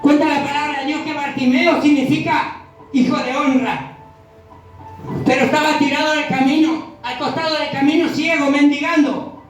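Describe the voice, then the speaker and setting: A man preaching a fervent sermon, building to shouted exhortations, recorded from a distance in an echoey church hall. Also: extremely high pitch, fairly even intonation, moderate pace, faint music behind. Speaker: evangelist preacher.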